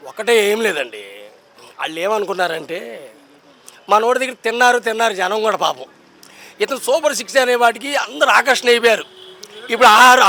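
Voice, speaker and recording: Brief: young man, high bright voice, fast combative street-poll talk, handheld mic outdoors. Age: young adult. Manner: emphatic, combative, keeps repeating rhetorical questions. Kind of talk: impassioned political street talk.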